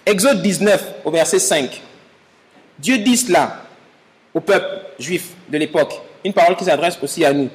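A man's voice: fairly high pitch, moderate pace, in a large hall. A man from Gabon preaching a sermon as pastor, speaking straight to his listeners with rising emphasis.

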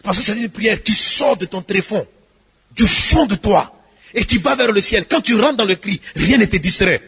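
A man preaching a sermon as a pastor, swinging between hushed pleading and shouted exhortation, with a husky voice. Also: sits high, expressive, moderate pace, long reverb tail.

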